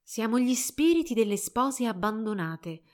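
A woman's voice: fairly high pitch, sing-song, unhurried. A woman voicing a chorus of vengeful ghostly brides in a storybook reading, chanting solemnly.

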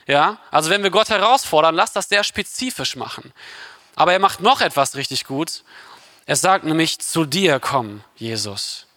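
A young man preaching a casual, conversational sermon, lively and often checking in with his listeners. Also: a little high, normal speed, no echo, clean studio sound. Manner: lively, conversational, keeps asking "ja?".

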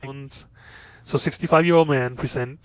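A male instructor talks through a recorded lecture, his voice nasal and stuffy from a cold. He pauses often, with many fillers. The sound is dry and close. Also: medium pitch, steady tone, clean tone, no echo.

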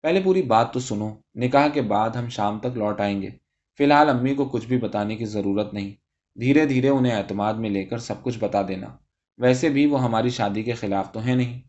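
A man's voice: mid-range voice, lo-fi sound, close to an everyday voice. A man reading a tender, reassuring young lover. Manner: soft, affectionate, persuasive.

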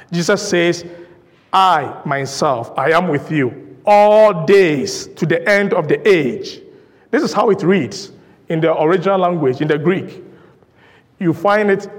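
A man's voice: a little high, darkish tone, in a large hall. A male pastor preaching a sermon in a church, emphatic and rhythmic, driving points home through repetition. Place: church sanctuary.

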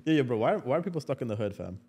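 A young man talks casually and quickly in a Toronto street accent. His delivery is teasing and thick with slang, at an ordinary male pitch. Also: sing-song, dark tone, husky. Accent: Toronto urban slang accent. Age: young adult. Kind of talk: casual chat.

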